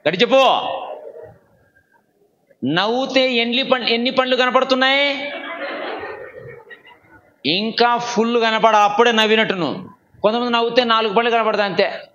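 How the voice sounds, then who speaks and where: A man preaching a sermon, quizzing the congregation and having them raise hands. He swings from low asides to shouted calls. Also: a little slow, pauses often, highs cut off. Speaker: pastor.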